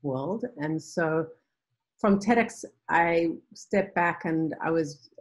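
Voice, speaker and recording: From a room at home lined with bookshelves, a middle-aged South African woman who started a nonprofit answers video interview questions thoughtfully, often pausing on "um" and restarting. She has a deep voice and speaks slowly.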